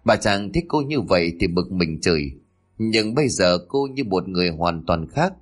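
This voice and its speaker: A man's voice: sits low, animated, moderate pace. A man narrating a dramatic family story in scripted storytelling.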